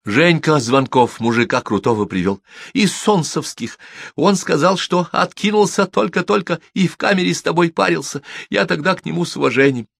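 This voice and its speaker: A man's voice: fairly high pitch, expressive, normal speed, gravelly, a bit bright, breathy edge, dry recording, clean studio sound, pitched above the performer's own voice, heavily acted. A man voicing a terrified thug who pleads in a shaky voice in an audiobook. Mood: pleading.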